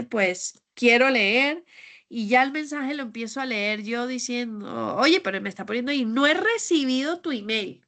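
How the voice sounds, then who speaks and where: A woman's voice: fairly high pitch, gravelly, fairly bright tone. A woman communication coach, giving an online training lecture in a thoughtful way, with fillers and restarts.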